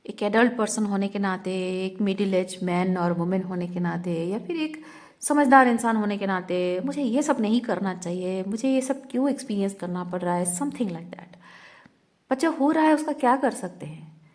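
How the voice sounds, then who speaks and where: A woman giving a slow, searching spiritual guidance talk as an intuitive reader, moving between Hindi and English. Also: mid-range voice, darkish tone. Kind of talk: reflective spiritual guidance monologue.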